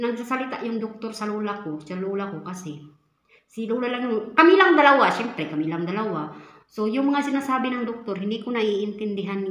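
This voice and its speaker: A young woman from the Philippines who works as a caretaker talks in a relaxed vlog. She is chatty, stops for fillers and keeps speaking to her viewers. Her voice sits at an average pitch and rings in an echoey room. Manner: chatty, many fillers, often addresses viewers. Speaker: caretaker for an elderly woman in Taiwan. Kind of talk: casual storytelling vlog.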